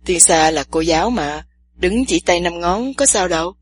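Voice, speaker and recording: Woman voicing a steady young man, calm, teasing, very low voice. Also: moderate pace, husky. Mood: joking. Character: earnest athletic young man, half-joking.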